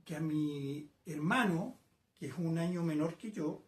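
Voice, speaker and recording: A man's voice: a little high, a little slow. An older man in his sixties with a Chilean accent shares his life story as an artist. He speaks reflectively, hesitating often and tossing in little tag questions. His voice carries the echo of a roomy home workshop. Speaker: painter being interviewed. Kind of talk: casual reminiscing interview.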